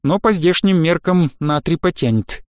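A man's voice: on the high side, animated, moderate pace, no echo, studio quality, natural voice. A man voicing a patient, wry middle-aged father who explains things good-naturedly. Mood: explaining.

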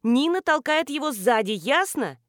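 Woman reading a bossy blogger lady, brisk orders, fairly high voice, dry close mic. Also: big pitch swings, no echo. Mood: commanding. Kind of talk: audiobook character reading.

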